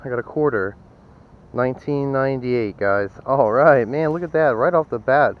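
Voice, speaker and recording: A man's voice: medium pitch, moderate pace, dull audio. A man vlogging as he metal detects on a sand beach at dawn, chatting to viewers and often exclaiming. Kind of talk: casual narration to camera while detecting.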